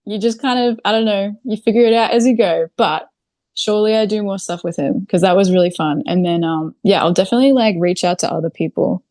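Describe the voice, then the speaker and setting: Brisk and medium-pitched with a darkish tone, a Kiwi video creator joins a podcast as a guest for an informal interview chat, often dropping "like" and "literally." The recording is dry.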